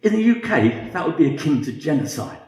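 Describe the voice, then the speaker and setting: A man's voice: fairly high pitch, sing-song, brisk, darkish tone, reverberant. A British man in his fifties giving a humorous talk with dry, self-mocking wit. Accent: British English. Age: 50s. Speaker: guest speaker.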